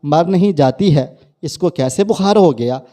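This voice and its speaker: A man's voice: on the high side, expressive, mellow, lightly acted. A man voicing a stern, insulting middle-aged mother-in-law in a spoken family story. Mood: scornful. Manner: harsh, insulting.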